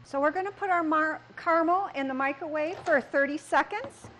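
A woman's voice: high-pitched, normal speed, a bit bright, poor audio. A middle-aged woman, a candy shop owner, walking through a recipe step by step in a small kitchen, with frequent fillers. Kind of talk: cooking demonstration.

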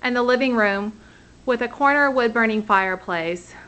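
Her voice sits fairly high, clear and resonant with a fairly bright tone, at a moderate pace, though the audio is dull. She's a real estate agent in her thirties narrating a cheerful rental tour on a handheld camera, beginning at the front door outside and then walking room by room through an empty condo, calling out features as she goes.

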